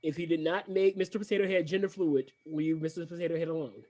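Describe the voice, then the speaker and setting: A man's voice: a little high, fairly even intonation, quick pace, darkish tone. A man co-hosting a podcast in casual chat, opinionated and rambling with restarts. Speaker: podcast co-host.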